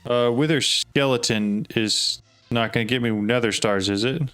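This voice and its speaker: Male streamer, mid-pitched, casual and puzzled, thinking aloud over light music. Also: normal speed, a bit bright, smooth. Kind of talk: casual live gameplay talk.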